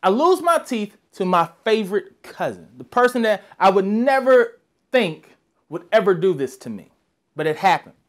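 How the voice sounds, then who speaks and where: High-voiced man telling a lively story. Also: normal speed. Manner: animated storytelling, acting out other voices. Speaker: motivational speaker. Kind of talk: personal story talk.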